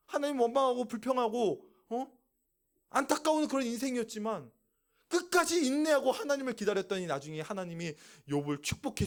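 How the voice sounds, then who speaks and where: Animated man preaching to teens. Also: high voice. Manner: animated, asks the audience questions and answers them. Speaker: youth pastor. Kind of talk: sermon to teenagers. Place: church youth service, also streamed online.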